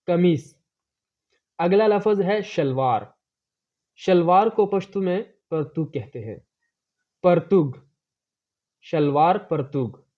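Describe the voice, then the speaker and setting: धीमा बोलने वाला पुरुष भाषा शिक्षक. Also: male voice, on the high side. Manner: slow, repeats each word several times. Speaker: language teacher. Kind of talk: vocabulary lesson. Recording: dull lo-fi recording.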